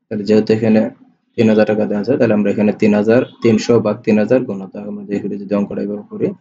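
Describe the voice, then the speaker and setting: A man's voice: fairly low pitch, flat delivery, rapid-fire, dark tone, breathy edge. A man with a Bangladeshi Bengali accent working through exam questions as a tutor, reading each question and then repeating the answer. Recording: dull lo-fi voice-over with faint hiss.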